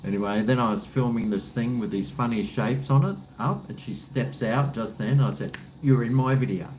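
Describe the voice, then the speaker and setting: A man's voice: mid-range voice, normal speed, darkish tone, low-quality recording. A man with an Australian accent chatting casually to his viewers in a laid-back, blokey, rambling way. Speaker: livestream cooking vlogger. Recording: faint background noise.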